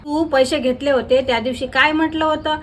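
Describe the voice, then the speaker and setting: A woman's voice: high-pitched, steady tone, a little fast, fairly bright tone. A woman in a village comedy sketch, talking back in an indignant, argumentative way.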